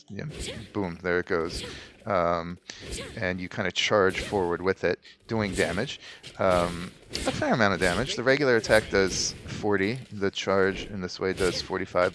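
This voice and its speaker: A man in his thirties giving casual gameplay commentary, slightly hoarse with a low growl, chatty and full of ums and restarts. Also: fairly bright tone, a little hiss or hum. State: voice going hoarse. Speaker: let's play host.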